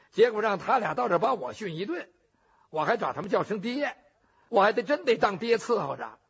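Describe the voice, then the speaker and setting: A male storyteller voicing a cowardly, greedy jailer who whines and pleads in a shrill, panicky way, in a traditional storytelling performance. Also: fairly bright tone, slightly rough, exaggerated voice. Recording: dull lo-fi recording.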